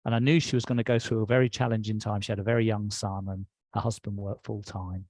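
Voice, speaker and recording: A man's voice: lowish voice, level tone, quick pace, darkish tone, dry recording. Reflective English man, dry close sound. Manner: reflective, recounts with quoted dialogue. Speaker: interview guest. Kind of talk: personal storytelling.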